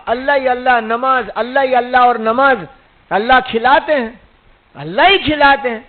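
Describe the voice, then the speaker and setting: High-voiced preacher on a tinny recording. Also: male voice. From India. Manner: exhorting, asks listeners rhetorical questions. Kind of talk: religious sermon. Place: mosque gathering.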